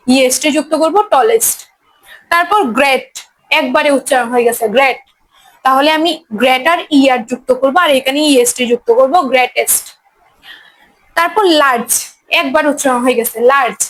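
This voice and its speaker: A woman's voice: high-pitched, poor audio. A woman teaching English grammar in a class, explaining step by step and checking often whether her students follow. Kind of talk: classroom lesson at a board.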